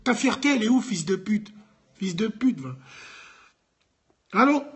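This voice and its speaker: A man's voice: sits high, animated, moderate pace, husky. Give the voice of a man hosting a live debate by North Africa. He speaks bluntly in heavy slang, peppered with Arabic interjections. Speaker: host of a live street debate call-in. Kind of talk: heated casual debate in French street slang.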